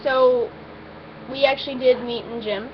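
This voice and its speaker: A woman whose voice sits high reads a first-person story at an unhurried pace with a steady tone. The amateur reading is informal, with some stumbling and digressions into asides, all in a muffled, noisy recording.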